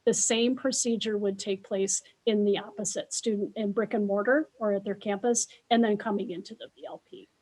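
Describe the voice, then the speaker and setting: An American woman hosting an informational webinar as a school official, speaking in a measured way with pauses for an interpreter. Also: mid-range voice, steady tone, a little mellow, low-quality recording.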